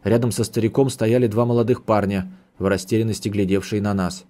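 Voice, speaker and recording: Guy narrating an audiobook, mellow dark tone, steady and measured, reads it first-person. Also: on the low side. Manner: measured, steady storytelling delivery.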